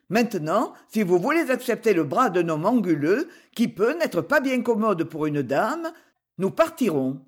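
A woman playing a measured, formal old lawyer. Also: medium pitch. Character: fussy, fair-minded older male lawyer. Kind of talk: audiobook character reading.

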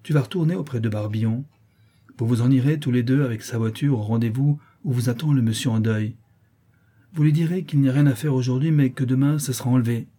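Give me a calculating old-time brigand, played by a man, dark, low, and authoritative. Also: a little fast, husky, lightly acted. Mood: commanding. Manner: calm, authoritative. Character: cold calculating brutish male brigand.

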